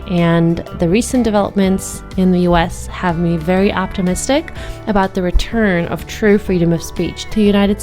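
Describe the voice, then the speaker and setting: A woman's voice: mid-range voice, a little mellow. Chatty Czech-born woman vlogger. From Czech Republic. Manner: chatty, laughs between points. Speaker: homesteading vlogger. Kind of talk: casual talk to camera.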